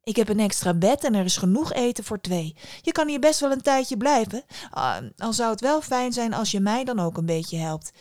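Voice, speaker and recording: A woman voicing a kindly magical woman in a storybook tale, speaking gently and soothingly. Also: fairly high pitch, lively intonation, moderate pace, hardly any pauses, dry recording, clean studio sound, lightly acted. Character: kindly old magical woman of the little house.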